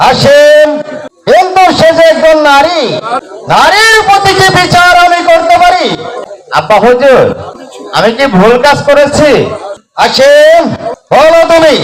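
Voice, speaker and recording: A man's voice: very high voice, rough recording. A man playing a royal court figure in historical Bengali folk jatra theatre, speaking in a theatrical, declamatory way. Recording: music playing behind the voice.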